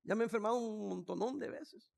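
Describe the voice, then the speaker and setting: A sixty-year-old man, a pastor, preaching a sermon with humorous stories, moving from quiet asides to shouted declarations. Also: sits high, a little fast, creaky. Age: 60s.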